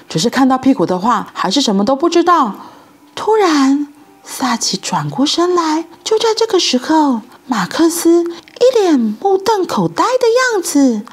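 Animated woman reading a children's story. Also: high-pitched. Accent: Taiwanese Mandarin.

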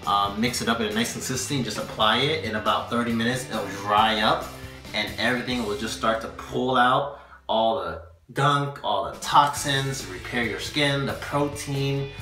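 A man's voice: medium pitch, normal speed, music in the background. A man in a casual how-to vlog, talking with a dried face mask tightening his skin, chatty and explaining step by step. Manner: chatty, keeps asking "okay?". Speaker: vlogger demonstrating a homemade face mask. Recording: echoey room, mic at a distance.

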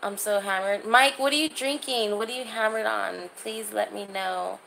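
A woman in her thirties hosts a casual, informal livestream from a small room, phone held at arm's length, reading and answering comments. Her medium-pitched voice is steady and a bit bright, with vocal fry, at a moderate pace. The recording is rough, with slight background noise.

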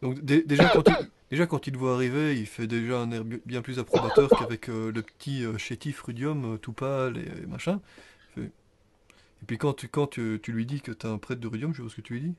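A man running a tabletop game as game master over an online call, playful and quick to laugh. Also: mid-range voice.

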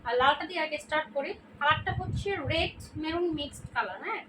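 High-voiced Bangladeshi woman selling dresses. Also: fast. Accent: Bangladeshi Bengali. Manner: chatty, repeats prices and colors. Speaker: online clothing seller. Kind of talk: casual product showcase. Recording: distant mic with noisy background.

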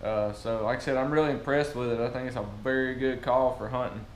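A man's voice: medium pitch, steady tone, fast. A man in his thirties with a Southern US accent, giving a casual product review to camera in a workshop. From southern United States. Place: large metal-roofed workshop or garage, indoors. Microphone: camera at about arm's length or farther. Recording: echoey metal-roofed room with noise.

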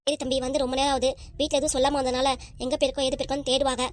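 A woman's voice: high-pitched, level tone, rapid-fire, close to an everyday voice. A woman voicing a polite middle-aged cartoon mother with a southern Tamil accent. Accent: Tamil, southern Tamil Nadu. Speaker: voice actor. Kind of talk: cartoon voice acting.

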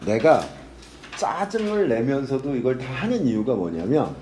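A man teaching English to a class in a casual lecture, reading lines aloud slowly and translating them, blunt and crude, swearing and joking with his students. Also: mid-range voice, very animated, a little mellow, a little hiss or hum.

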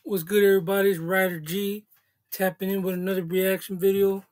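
In a small room, seated at a desk, a man in his thirties hosts a reaction channel, offering casual commentary in laid-back street slang. His voice is high and darkish, with a level tone and fairly quick delivery. Soft music plays in the background.

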